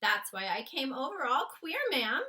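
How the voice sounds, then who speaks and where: A woman's voice: high-pitched, very animated, normal speed, bright, forceful tone, far from the mic, exaggerated voice. A woman voicing a flustered, loyal middle-aged palace maid, exclamatory and deferential in a storybook reading. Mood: shaken. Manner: deferential, exclamatory, addressing her mistress as ma'am.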